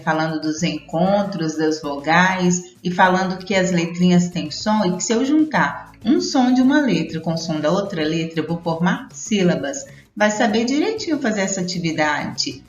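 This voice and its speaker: A woman teaching young children, stretching out syllables in a sing-song way. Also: lowish voice. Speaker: primary school teacher. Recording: roomy, dull sound with soft music.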